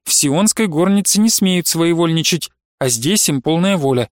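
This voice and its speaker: A man's voice: fairly high pitch, lively intonation, normal speed, no room sound, studio quality, natural voice. A man voicing an earnest devout young woman. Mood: earnest rapturous. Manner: rapturous, quietly earnest.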